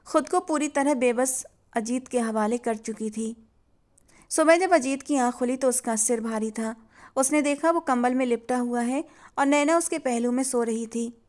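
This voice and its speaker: A woman storyteller narrating a scripted family drama. Her reading is steady and expressive, in a fairly high voice. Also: moderate pace.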